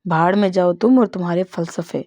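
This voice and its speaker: A woman's voice: fairly low pitch, mellow, dry recording, lightly acted. A woman voicing a brusque, short-tempered young man who speaks curtly and firmly, as part of a story reading. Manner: curt and firm.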